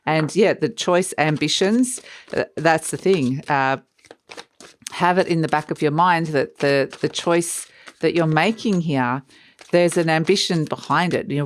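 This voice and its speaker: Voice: medium pitch, no room sound. A tarot reader giving a casual, unscripted mystical horoscope reading, speaking conversationally and encouragingly straight to the listener.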